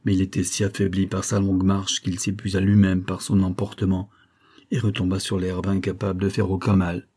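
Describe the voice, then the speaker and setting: A man reading a classic novel aloud as audiobook narrator, steady and measured. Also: low voice, slightly rough. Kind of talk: scripted narration.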